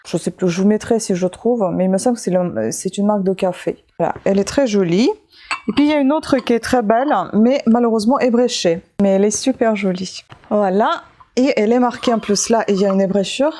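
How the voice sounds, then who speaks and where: A woman talks casually to camera, rambling from object to object with lots of restarts and self-mocking asides. Her voice is mellow and soft-edged, at an ordinary middle pitch. She sounds tired and overheated. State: hot and tired. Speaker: vlogger showing her street-find haul.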